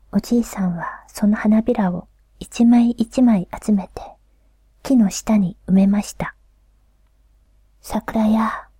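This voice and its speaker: A woman tells an old folk tale in a soft, unhurried whisper, close to the microphone. Her voice is mellow and airy, somewhat high, and the room is dry with no echo. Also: slightly rough. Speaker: storyteller.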